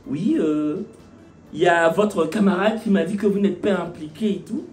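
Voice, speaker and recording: A man's voice: high-pitched, moderate pace, darkish tone, echoey room, soft background music, voice pushed down, natural voice. A man voicing a curt, formal male director of studies. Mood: reproachful.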